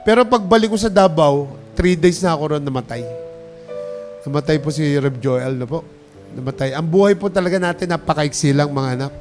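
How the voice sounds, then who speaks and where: A man's voice: fairly high pitch, expressive, brisk, a little mellow, faint music behind. A pastor preaching a sermon, calling out to the congregation and mixing English phrases into his talk. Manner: preaching with call-and-response, urging applause.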